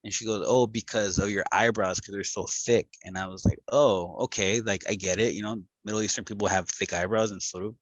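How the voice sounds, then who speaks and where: Low voiced la guy rambling through a story on a podcast, dry close sound. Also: fairly even intonation, fairly quick, few pauses, dry recording, rough recording. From Los Angeles. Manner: rambling storyteller, many restarts and fillers. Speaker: podcast co-host. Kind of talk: casual podcast chat.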